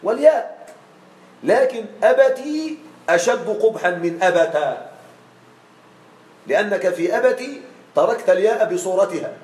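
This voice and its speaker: A man teaching Arabic grammar to a class. He often checks that his students follow along and draws out the example forms slowly. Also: high-pitched, expressive, a little mellow, echoey room, low-quality recording. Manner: checks on students with frequent questions; drawn-out slow spelling of example forms.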